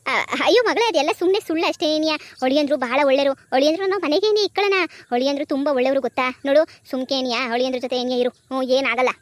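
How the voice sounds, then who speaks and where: A woman's voice: sits high, fast, few pauses, dry recording, natural voice. A woman voicing a soothing older village mother in a cartoon comedy, with a coaxing, peace-making manner. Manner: coaxing, pleading to keep the peace.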